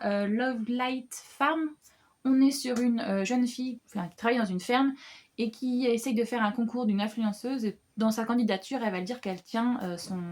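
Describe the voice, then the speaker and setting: A young woman talks through her winter reading list in a loose, animated way, full of little fillers and quick restarts. Her voice sits a touch high and stays friendly and conversational throughout. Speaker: book vlogger. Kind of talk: casual book haul chat.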